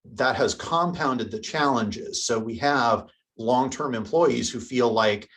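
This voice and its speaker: A woman gives a news interview soundbite about policy. She speaks deliberately, with earnest weight on each point. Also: rumbling low.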